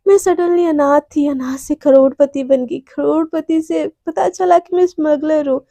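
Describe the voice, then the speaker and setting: Woman putting on a dramatic college girl, squeaky high, mellow tone, rambles on and on. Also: steady tone, unhurried, no echo. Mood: brooding. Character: chatty dramatic young college girl heiress.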